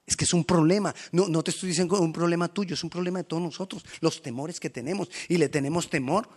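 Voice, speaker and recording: A man preaching a sermon as pastor, animated and acting out quoted voices. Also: on the high side, fast talker, husky.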